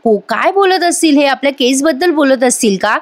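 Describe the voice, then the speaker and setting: A woman's voice: high-pitched, animated, a little fast, pitched above the performer's own voice. A woman voicing a suspicious young man who wonders aloud what others are up to. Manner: puzzled, questioning. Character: suspicious young male hero.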